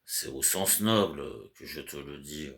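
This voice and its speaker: A man's voice: a bass voice, measured pace, a bit bright. A man voicing a frantic, fussy middle-aged clerk who scolds and then coaxes his servant. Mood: coaxing. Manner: agitated, scolding then coaxing.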